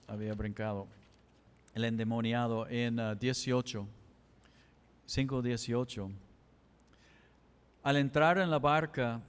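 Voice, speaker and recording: A man's voice: medium pitch, clean tone. A male pastor, preaching a sermon with emphatic, repetitive cadence. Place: church chapel. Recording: echoey church hall.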